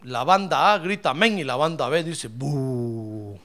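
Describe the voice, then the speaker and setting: A man preaching a lively, humorous sermon as a pastor, speaking fervently, crying out praise and often calling his listener brother. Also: on the high side, a little fast. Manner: fervent, jokes, cries out praise, keeps addressing "hermano".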